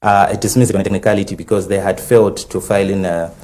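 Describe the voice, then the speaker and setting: A man with a Zambian English accent, speaking as legal counsel on a TV panel and methodically recounting a timeline with many pauses and fillers. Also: sits low, fairly even intonation, a little mellow. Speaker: legal counsel for a conservation group. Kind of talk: studio TV panel discussion.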